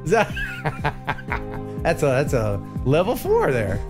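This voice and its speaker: Lively, laughing male show host. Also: fairly high pitch, takes it slowly, music in the background. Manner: lively, laughs often, jokey asides. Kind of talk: casual chat reviewing viewer drone footage.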